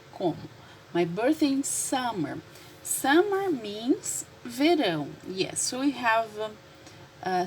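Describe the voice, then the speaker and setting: A woman teacher with a Brazilian Portuguese accent, a native Portuguese speaker, explaining English words slowly and repeating them for her learners. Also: mid-range voice, a little hiss or hum, poor audio. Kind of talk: classroom lesson explaining vocabulary.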